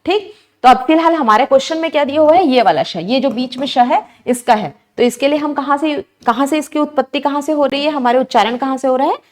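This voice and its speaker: A woman teacher with a slightly high voice talks through exam questions. She keeps asking her students questions and builds each answer step by step. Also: fast talker, a little mellow. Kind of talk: exam prep lesson.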